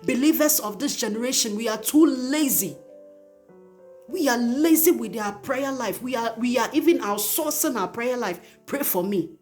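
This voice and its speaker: A woman's voice: a little high, lively intonation, moderate pace, a little mellow, faint music behind. A woman host earnestly urging parents, emotional and pleading, with emphatic repetition. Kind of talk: spoken exhortation to parents.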